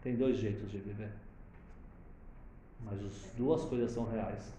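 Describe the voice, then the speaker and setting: A man's voice: on the low side, a little slow. Man, storytelling Torah lesson, chants Hebrew, echoey room with faint noise. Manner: animated, chants Hebrew verses then translates. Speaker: Torah teacher.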